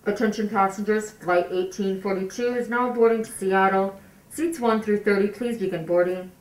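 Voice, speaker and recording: A woman's voice: mid-range voice, fairly even intonation. A woman voicing an airport gate announcer making a formal boarding call over the intercom. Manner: formal, measured announcement delivery. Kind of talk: audition scene reading. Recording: echoey and distant from the mic.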